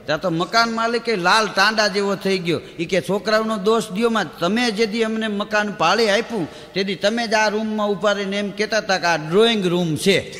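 High, bright man telling jokes. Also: big-room sound. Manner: acts out dialogue in quick back-and-forth quotes. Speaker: comedian telling village jokes. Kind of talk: Gujarati folk humor storytelling (lok dayro). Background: audience laughter.

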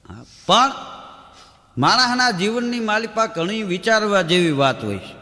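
A man tells folk jokes. His high, bright voice jumps between the characters in quick quoted exchanges. The sound has a long hall reverb. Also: big pitch swings. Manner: acts out dialogue in quick back-and-forth quotes. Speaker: comedian telling village jokes. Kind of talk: Gujarati folk humor storytelling (lok dayro). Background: audience laughter.

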